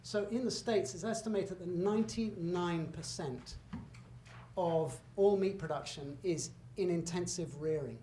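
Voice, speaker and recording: A man's voice: high-pitched, measured pace, dark tone. Middle-aged man, guest lecturer, chatty and emphatic, roomy hall with faint background hum. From Britain. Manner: conversational and emphatic, with asides and self-corrections. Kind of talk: public lecture with slides. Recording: echoey hall, faint room noise.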